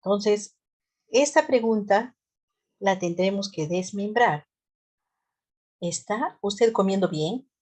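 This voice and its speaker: A woman from the central highlands of Peru with an accent from that region, giving a conversational lecture as a health care trainer, with fillers and rhetorical questions. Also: animated, slow pace, long pauses, a little mellow. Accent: Peruvian central highlands Spanish. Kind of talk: classroom lecture.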